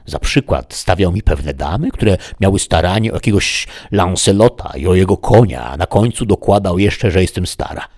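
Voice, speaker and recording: A man's voice: expressive, normal speed, hardly any pauses, darkish tone. A man reading aloud, voicing a haughty, indignant older woman who serves as a castle duenna. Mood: scolding. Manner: shrill, scolding, haughty.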